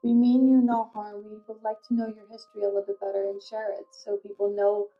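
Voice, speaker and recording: A woman investigating the paranormal for a vlog, politely and gently putting questions to spirits. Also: mid-range voice, flat delivery, fast, muffled recording.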